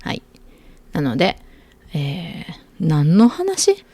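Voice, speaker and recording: A middle-aged woman, co-hosting a casual chat show and telling stories in an animated way. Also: deep voice, takes it slowly, slightly rough, no echo. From Aichi, Japan. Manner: animated storyteller, lively quoting voices. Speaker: podcast host.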